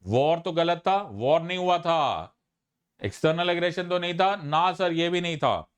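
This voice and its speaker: Middle-aged Indian man, exam tutor on a live class, coaxing and animated, slightly high, smooth clean tone. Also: unhurried. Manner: lively, coaxing teacher talk mixing Hindi and English, calls students "my child". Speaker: exam-prep educator. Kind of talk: live online lecture.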